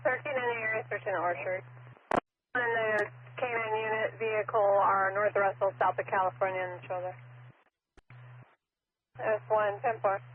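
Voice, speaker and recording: A woman's voice: mid-range voice, fairly even intonation. Woman dispatcher over police radio. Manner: clipped, rapid radio codes. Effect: police radio transmission. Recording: narrow radio band with hiss.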